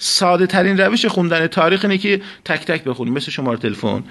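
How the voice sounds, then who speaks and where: Man teaching English slowly. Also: high voice, animated, a bit bright. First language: Persian. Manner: slow, deliberate reading of English phrases, then explains in Persian. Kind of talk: recorded class lesson.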